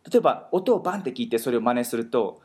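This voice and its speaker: A man hosting a talk, explaining pronunciation in an animated way and slowing down on key words for emphasis. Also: mid-range voice, slightly rough. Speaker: host teaching pronunciation. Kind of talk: explanatory chat.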